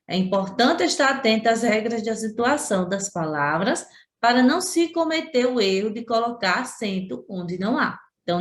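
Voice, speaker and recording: A woman's voice: medium pitch, fairly bright tone. A woman teacher from Sergipe with a Brazilian Portuguese accent, giving a remote class lesson and patiently repeating and stressing syllables. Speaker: schoolteacher. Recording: roomy echo.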